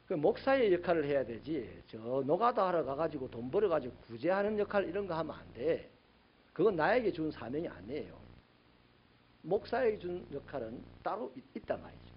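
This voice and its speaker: A male pastor preaching a sermon, animated and sometimes shouting out quoted rebukes to his congregation. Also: a little high, slightly rough, highs cut off.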